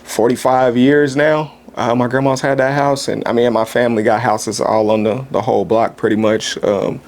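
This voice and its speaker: A man's voice: mid-range voice, level tone, a little mellow. Thoughtful thirty-something male guest. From Kansas City, US. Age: 30s. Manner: thoughtful, pauses with "uh" and "um". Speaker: podcast guest, actor. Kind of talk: relaxed interview talk.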